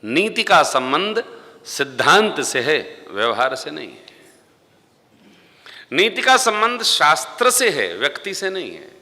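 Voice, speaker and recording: A man giving a devotional sermon in a large temple hall, speaking slowly and emphatically into a stage microphone and singing scripture verses. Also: a little high, very animated. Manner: slow, emphatic, rising to loud stressed phrases. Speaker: Ram Katha preacher. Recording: long hall reverb.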